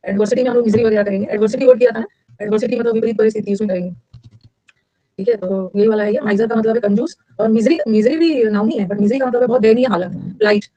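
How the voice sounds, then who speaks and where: A middle-aged woman, teaching vocabulary in a lecture and drilling words with quick repetition and questions to her students. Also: a little high, fairly even intonation, warm tone, no echo, muffled recording.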